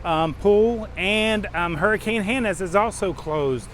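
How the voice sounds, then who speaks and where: Higher-voiced man chatting while walking outdoors. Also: measured pace, fairly bright tone. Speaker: travel vlog host. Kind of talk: casual walk-and-talk chat. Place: outdoors, walking along a resort path. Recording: outdoor city ambience and vehicle noise.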